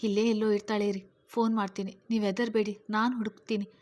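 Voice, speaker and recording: A calm young friend in a storybook, voiced by a woman narrator, soothing and reassuring. She talks quickly, and her tone stays even. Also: mid-range voice, lightly acted. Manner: soothing, hurried.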